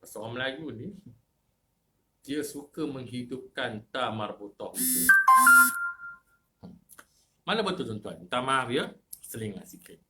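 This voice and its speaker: A man with a Malaysian Malay accent giving a lecture in a mosque as a religious teacher, putting rhetorical questions to the congregation and swinging between loud emphasis and low asides. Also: big pitch swings, a little slow, pauses often, music in the background.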